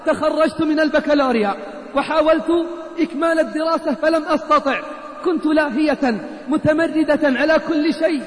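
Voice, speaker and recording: A man's voice: extremely high pitch, a little fast. A man preaching voices a sick, remorseful woman patient who pleads and repeats herself. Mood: pleading. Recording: reverberant hall.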